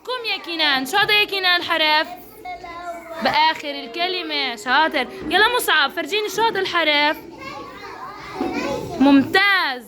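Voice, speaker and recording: Pausing often, a woman with a very high, animated voice teaches kindergartners at a normal speed. She has a Levantine Arabic accent and praises and encourages every child by name.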